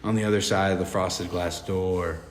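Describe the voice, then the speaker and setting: Here a podcast member with a deep voice gives the stage directions of a screenplay a dramatic reading during an amateur table read, keeping a steady tone and moderate pace. Faint noise sits in the echoey hall.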